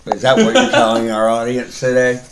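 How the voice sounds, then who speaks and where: Animated male interviewer in echoey room. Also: medium pitch, a little fast, slight background noise. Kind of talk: improvised mock interview banter.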